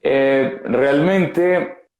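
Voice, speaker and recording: A man in his thirties with a Venezuelan accent, a guest speaking frankly and haltingly about his past over a video call. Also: fairly high pitch, darkish tone, echoey room. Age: 30s. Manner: frank, halting, many fillers. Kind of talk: candid personal testimony.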